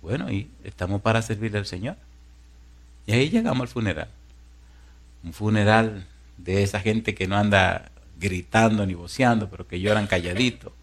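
Man, pastor, lively sermon storytelling, hushed then loud, laughing. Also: fairly low pitch, moderate pace.

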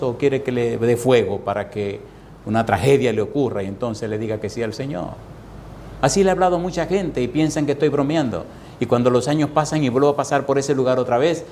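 A man's voice: medium pitch, darkish tone, slight background noise. A man preaching a sermon with dramatic swings, at times acting out the voices of people in his stories. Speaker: pastor.

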